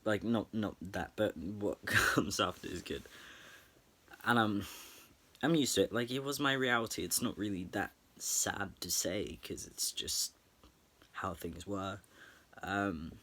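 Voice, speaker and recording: A young man speaking to camera in a late-night personal reflection, earnest and thoughtful, pausing and restarting as he searches for words. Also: on the low side, pushed and bright. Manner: halting, thoughtful, many pauses and restarts. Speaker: vlogger.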